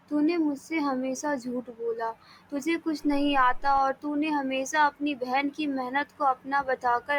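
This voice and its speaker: A woman voicing a stern, sharp-tongued middle-aged mother-in-law in a cartoon story, speaking in a blunt, scolding way. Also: high-pitched, a little hiss or hum, rough recording.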